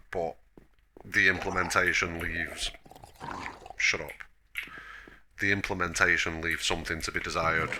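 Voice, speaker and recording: A man's voice: sits low, noisy background. A man giving a casual, rambling gameplay tour as host, self-deprecating and a little grumbly, sounding chesty from a cough. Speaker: host of a gaming video.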